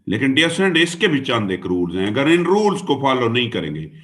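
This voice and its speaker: A male teacher lecturing a class, his pitch rising and falling with animated, expressive swings. He spells words out letter by letter and keeps turning to his students with "dear student" and "son". He slips English terms in and out of his explanation. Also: fast. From Pakistan. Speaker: exam-prep teacher.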